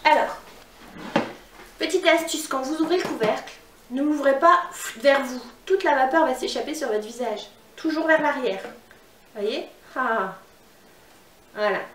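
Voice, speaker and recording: A woman's voice: high-pitched, a little slow, long pauses, fairly bright tone, roomy sound, distant mic, slight background noise. A woman with a northern French accent giving a chatty, upbeat cooking demonstration at home, talking straight to her viewers. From northern France. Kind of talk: casual cooking demo.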